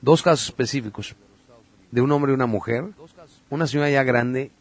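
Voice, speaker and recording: A man's voice: mid-range voice, moderate pace. Earnest man telling podcast stories. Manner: earnest, storytelling, frequent filler sounds. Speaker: podcast guest speaker on religion and UFOs. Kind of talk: casual podcast talk.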